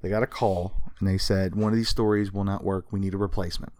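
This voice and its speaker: Fast and level in tone, this low, darkish male voice belongs to a podcast co-host giving a casual, emphatic, sarcastic run through comics history, swearing now and then. There's no room sound, just clean studio audio.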